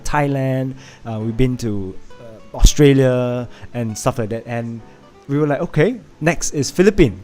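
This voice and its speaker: A Vietnamese man with a Singaporean English accent hosts a casual live stream, chatting with viewers. His voice is medium-pitched and darkish, and he laughs often, filling gaps with "uh" and restarts.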